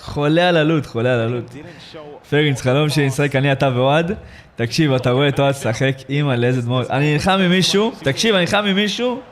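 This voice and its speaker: A man live-streaming a football video game, exclaiming in excitement, repeating himself and thanking viewers in slangy chat. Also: on the high side. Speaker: gaming livestreamer.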